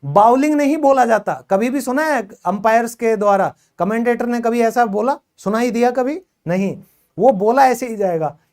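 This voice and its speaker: A man's voice: extremely high pitch, normal speed, darkish tone. A man teaching English phonics, explaining in Hindi, praising and quizzing his students as he goes. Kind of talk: classroom phonics lesson.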